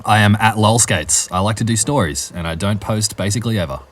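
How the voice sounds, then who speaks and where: A man co-hosting a casual comedy podcast, making laid-back, low-key remarks. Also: fairly quick. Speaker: podcast co-host.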